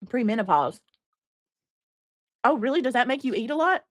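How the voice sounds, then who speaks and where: A woman's voice: fairly high pitch, big pitch swings, moderate pace, no echo. Woman, 40s, livestream host, chatty and teasing, dry close mic. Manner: chatty, teasing, chewing while talking. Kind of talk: casual livestream chat reading comments.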